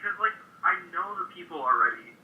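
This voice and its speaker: A male caller talks in a relaxed, rambling way and leans on fillers. The sound is thin and phone-like, with a roomy echo that puts him at a distance. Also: high voice, fairly quick. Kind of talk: casual phone call-in chat. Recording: tinny echoey phone line.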